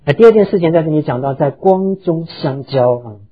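A man preaching an earnest sermon in a deeply husky, breathy voice that sits fairly high for a man. He speaks directly to the congregation, telling stories and pausing on hesitant fillers. The recording sounds dull and lo-fi. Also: animated. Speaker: pastor.

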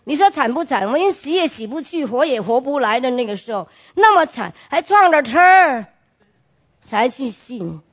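A woman's voice: high voice, sing-song, normal speed, a bit bright. A woman giving a personal testimony to a congregation in an earnest, emphatic way, often asking the listeners direct questions and dropping in English words. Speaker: church testimony speaker.

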